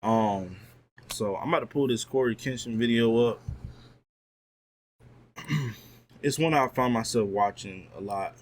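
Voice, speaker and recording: A young man streaming a casual motivational talk to his chat, full of slang and lively asides. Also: fairly low pitch, measured pace, pauses often, slight background noise.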